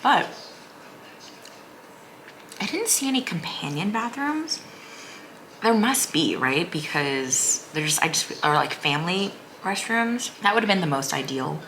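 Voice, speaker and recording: A woman's voice: fairly low pitch, sing-song, unhurried, pauses often, fairly bright tone, slight background noise. A woman vlogger giving a casual, chatty recap in a rambling, informal way full of "like". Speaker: vlogger, mother of a young child.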